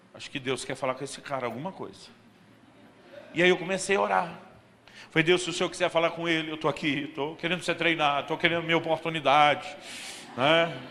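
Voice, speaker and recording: Brazilian male preacher, bright and higher-pitched, animated storytelling sermon, reverb of a church hall. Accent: Brazilian Portuguese. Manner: lively storyteller, acts out dialogue, addresses listeners as brothers.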